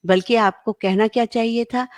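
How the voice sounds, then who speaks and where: Brief: middle-aged woman, parenting educator, animated delivery, dry close mic. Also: a little high, moderate pace, no room sound. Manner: lively, acts out parents and children in quoted voices. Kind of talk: parenting talk to camera.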